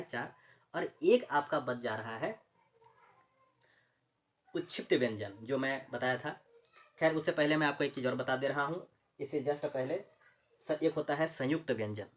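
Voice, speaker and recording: His pitch sits fairly high and his tone is a bit bright as he leads a Hindi phonetics lesson aimed at exam preparation. The Chhattisgarhi Hindi-accented teacher repeats terminology and asks viewers questions before giving the answers.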